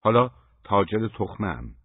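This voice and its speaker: A man's voice: on the low side, sing-song, no echo. Shivering uneasy traveler, read by a man. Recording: dry, phone-like narrow sound.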